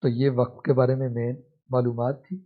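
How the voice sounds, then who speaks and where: A man's voice: medium pitch, flat delivery. A man teaching a Quran reading lesson, spelling out syllables one by one and then blending them. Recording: muffled, lo-fi recording.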